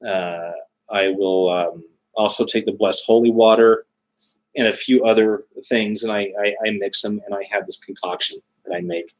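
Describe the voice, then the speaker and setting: A man chatting casually as a livestream host, halting often as he searches for his words. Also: on the low side, fairly even intonation, low-quality recording. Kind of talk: casual live chat explaining spiritual beliefs.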